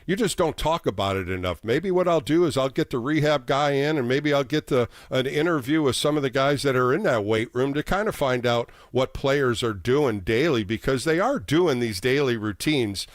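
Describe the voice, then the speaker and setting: A man's voice: medium pitch, animated, normal speed, few pauses, no room sound, clean studio sound. A man hosting a live sports call-in show, talking casually and addressing callers by name. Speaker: sports radio call-in host.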